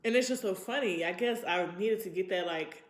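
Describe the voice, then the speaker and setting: This vlogger, a woman in her twenties, chats informally to camera, drifting through reflective thoughts. Her voice is mid-range and fairly quick, captured with a roomy echo.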